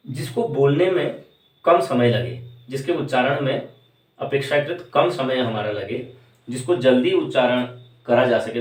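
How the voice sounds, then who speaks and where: A man gives an exam-prep lesson, asking his own questions and answering them step by step. His voice is mid-pitched. It sounds roomy and a little distant from the mic. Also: darkish tone. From Uttarakhand, India. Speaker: teacher. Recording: echoey room, voice from away from the mic.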